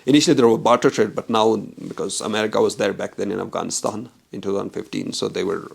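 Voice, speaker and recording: Gravelly man telling a travel story. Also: fairly low pitch, quick pace. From Pakistan. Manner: animated storyteller acting out quoted dialogue. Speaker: documentary filmmaker. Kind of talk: casual travel anecdote.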